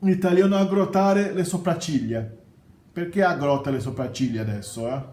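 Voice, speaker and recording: A man's voice: on the high side, animated, moderate pace, mellow, slight background noise. A middle-aged man with a Brazilian Portuguese accent, giving a casual video lesson on vocabulary, often tagging sentences with a questioning "né?". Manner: chatty, often adds "né?". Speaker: language teacher. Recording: roomy echo with faint ambience.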